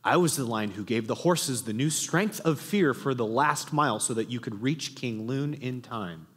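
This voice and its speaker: A man voicing a vast, gentle, ancient male lion, reading in a slow, low, hushed and solemn way, with a long reverb in a big room. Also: animated, breathy edge.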